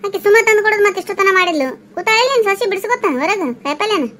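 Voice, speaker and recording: Woman doing a cartoon old village wife, North Karnataka Kannada accent, high-pitched, very fast, scolding, faint background hiss. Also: a bit bright. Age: older. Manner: gossipy, scolding, quick retorts. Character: older village housewife, sharp-tongued and grumbling. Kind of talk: comic cartoon voice acting.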